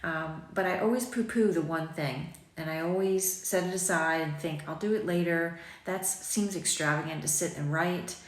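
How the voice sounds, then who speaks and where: A low-voiced woman in her forties with a slight morning rasp, a boutique owner, vlogs from her sunny kitchen into a phone at arm's length. She keeps a moderate pace with few pauses, chatty and rambling, self-deprecating and full of ums. The room gives her voice a noticeable echo.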